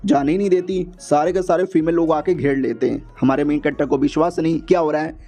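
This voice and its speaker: A man casually retelling a comic story in a chatty, slangy, joking way, slipping into quick voices for the characters. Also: fairly high pitch, mellow. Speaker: manhua recap narrator.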